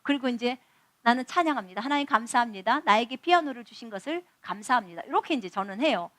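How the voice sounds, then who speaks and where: A woman's voice: high voice, no echo. A woman missionary preaching a testimony sermon, telling stories and acting out dialogue with animation.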